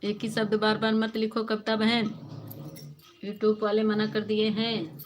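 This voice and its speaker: Awadhi woman hosting a live stream, unhurried, chatty, greets viewers by name, faint background hiss. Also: mid-range voice, completely flat delivery. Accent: Awadhi-flavoured Hindi. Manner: chatty, addresses viewers by name, scolds and laughs. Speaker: livestream host. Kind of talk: casual livestream chat reading comments.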